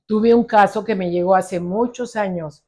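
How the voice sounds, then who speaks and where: A middle-aged woman with a Mexican accent and a slightly rough, mid-range voice shares a case story in a conversational interview, voicing the dialogue herself. She is a psychologist whose specialty is ADHD.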